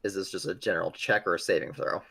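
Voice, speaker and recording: Man, tabletop player, lowish voice, playful, laughs often. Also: steady tone, fast, vocal fry, pushed and bright, slightly rough. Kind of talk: casual tabletop role-play chat.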